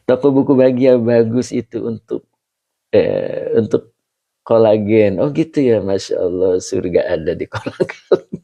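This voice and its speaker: A deep, gravelly man speaks slowly and chattily as he teaches a live Quran class, greeting his viewers by name and chuckling often. His dark, husky voice comes through a dull, lo-fi recording. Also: expressive. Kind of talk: live online religious class.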